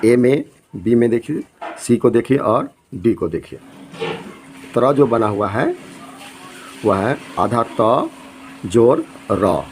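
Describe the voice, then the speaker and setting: A man's voice: mid-range voice, expressive, slow, pauses often, a little mellow, slight background noise, rough recording. A man teaching an exam lesson, reading out each multiple-choice question and its options, then giving the correct answer.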